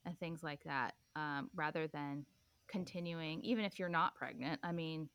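A young woman with a somewhat low voice chatting as a podcast guest. She rambles loosely and leans on filler words as she explains things. The sound is dry and close, with little room around it. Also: normal speed, a bit bright, clean tone, dry recording. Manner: rambling, full of "like" and "um". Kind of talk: casual chat.

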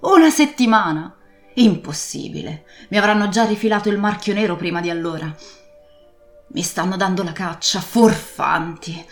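A woman's voice: mid-range voice, close to an everyday voice. A woman voicing an old, drunken male pirate captain who pleads and rants, in an echoey room with faint music. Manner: pleading then blustering, ranting.

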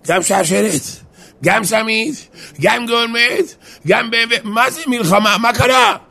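A man voicing an excitable, indignant man in a joke he tells, in a high, exclaiming voice. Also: gravelly, full character voice. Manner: shrill, exclaiming, outraged.

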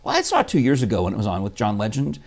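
A man's voice: fairly low pitch, huge pitch swings, very fast, creaky. A man hosting a casual morning chat show, talking in a rambling, chatty way with lots of fillers and restarts. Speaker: show host.

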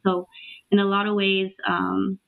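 A young adult woman from Peru, raised in Los Angeles, speaking reflectively as a podcast guest with many pauses and restarts. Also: mid-range voice, completely flat delivery, gravelly. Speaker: guest, racial equity educator. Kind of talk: casual interview talk. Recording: tinny phone-like line.

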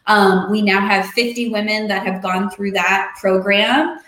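A middle-aged woman talking casually as a podcast guest, animated, acting out the voices she quotes. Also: medium pitch, a little slow, echoey room, rough recording. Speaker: podcast guest, real estate investor and coach. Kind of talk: casual interview chat.

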